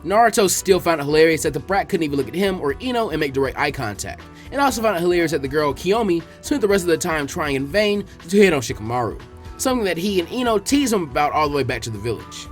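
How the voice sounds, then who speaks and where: With music playing beneath him, a man reads fan fiction aloud, giving an action story a scripted, dramatic audiobook treatment. He talks fast in a fairly high, sing-song voice whose intonation varies widely.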